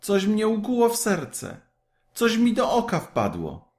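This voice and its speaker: A man doing a sneering young boy, high-pitched. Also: wildly swooping pitch, measured pace, a little mellow, exaggerated voice. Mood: impatient. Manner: sneering and scornful. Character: spiteful, mocking young boy. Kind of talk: storybook reading.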